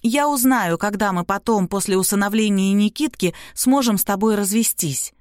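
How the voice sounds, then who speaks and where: A woman's voice: mid-range voice, normal speed, no room sound, clean studio sound, lightly acted. A woman voicing a young woman who speaks in an earnest, pleading way.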